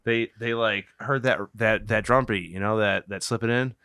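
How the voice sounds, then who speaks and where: Man, forties, drummer, halting podcast chat, bright crisp voice, dry close sound. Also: on the low side, steady tone, no room sound. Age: 40s. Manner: halting, many fillers and restarts.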